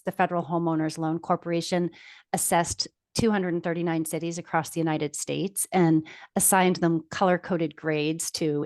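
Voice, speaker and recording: A woman's voice: low voice, gravelly, no echo, clean studio sound. A woman presenting slides to an audience on an online video call.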